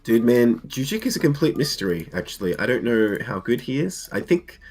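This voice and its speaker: A man co-commentating a game in casual chat, his voice altered to a lower register, talking in a joking, blunt and loose way. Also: very animated, fairly quick, a little mellow.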